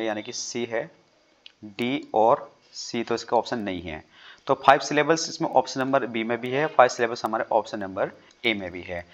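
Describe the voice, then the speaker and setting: A man's voice: mid-range voice, a bit bright, muffled recording. A man teaching English literature exam questions, explaining each answer step by step with worked examples and often checking in with his students. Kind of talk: exam-prep lesson on a YouTube channel. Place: home desk, recording over a screen with a drawing tablet.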